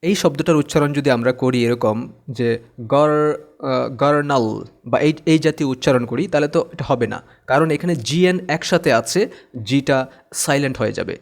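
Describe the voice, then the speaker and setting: A man's voice: medium pitch, normal speed. A man teaching English pronunciation, patiently repeating each word twice. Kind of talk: slow-paced pronunciation lesson.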